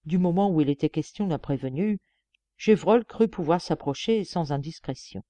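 Woman reading an audiobook, low mellow voice, very expressive. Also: normal speed, no echo. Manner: expressive storytelling. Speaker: audiobook reader. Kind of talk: audiobook narration.

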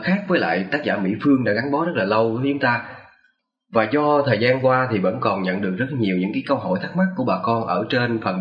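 A man hosting a story channel, speaking with a thick, husky voice stuffed up by a cold as he makes an announcement. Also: mid-range voice, echoey room. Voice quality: husky, thick, muffled congested voice. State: has a cold, stuffy and hoarse. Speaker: host and story narrator of a horror audio channel.

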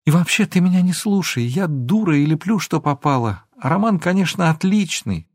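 A man reading an audiobook, voicing an emotional young woman who pleads and sometimes flares up into shouting. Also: fairly high pitch, expressive, normal speed, dry recording, clean studio sound, pitched above the performer's own voice. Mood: apologetic. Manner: pleading, then flaring into shouts.

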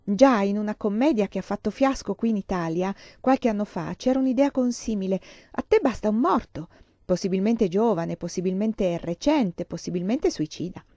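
A woman reading aloud, voicing an excitable, scheming young woman friend in a novel. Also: medium pitch, normal speed, dry recording, lo-fi sound. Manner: eager, insistent, persuasive.

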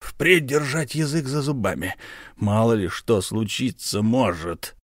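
A man's voice: medium pitch, no echo, studio quality, lightly acted. A man doing a blustering tipsy count. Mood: angry. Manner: blustering, quick to anger. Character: tipsy pushy middle-aged male count, hot-tempered.

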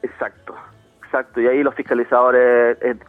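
A man with a Chilean accent, a radio interview guest speaking by phone, giving a rapid retelling full of quoted dialogue. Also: medium pitch, flat delivery, dry recording, soft background music. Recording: tinny phone line, dry.

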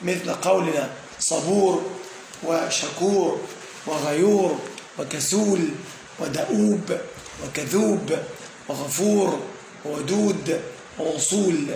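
Male grammar teacher, high gravelly voice, echoey room with faint hum, "aah" fillers. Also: a little mellow. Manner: frequent "aah" fillers and checking "tamam?"; slowly stresses word patterns, listing examples. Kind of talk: explanatory grammar lesson.

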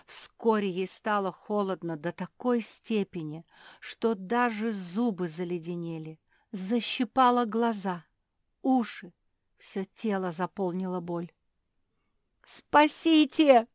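A woman narrating a children's story chapter in an expressive, lively reading voice. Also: medium pitch, unhurried, no room sound, studio quality. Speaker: audiobook narrator.

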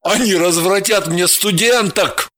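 A woman's voice: deep voice, expressive, measured pace. A woman voicing an amused, teasing husband who laughs through his words. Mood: teasing, laughing.

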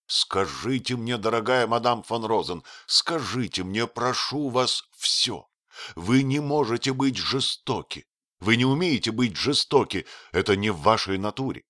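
A man's voice: mid-range voice, animated, measured pace, a bit bright, no room sound, studio quality, pitched above the performer's own voice. A man voicing a young prince who pleads with passion. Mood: imploring. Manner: impassioned, imploring.

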